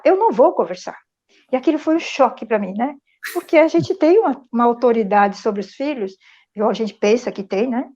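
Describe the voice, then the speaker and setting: A middle-aged woman shares a personal story in a somewhat high voice, earnest and reflective, often checking in with her listeners. The audio comes through a dull, muffled video call. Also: a little mellow. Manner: earnest, reflective, frequent tag questions. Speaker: speaker sharing a testimony. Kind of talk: personal storytelling in an online meeting.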